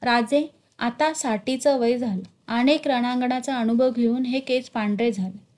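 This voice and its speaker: A woman voicing a male Rajput commander of about sixty who speaks in a measured, persuasive way in a storybook reading. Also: on the high side, fairly even intonation, darkish tone, lightly acted. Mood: earnest.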